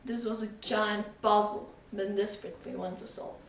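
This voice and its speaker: A woman reading a children's storybook aloud with an expressive, animated delivery. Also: medium pitch, normal speed. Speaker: reader. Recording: echoey room, voice from far off.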